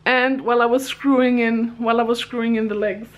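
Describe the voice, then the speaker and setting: Brisk and a little high, this woman's voice carries fairly even intonation through a muffled recording. She is a vlogger in her thirties making casual, upbeat chat in her small home craft room, laughing as she talks to a handheld camera at arm's length.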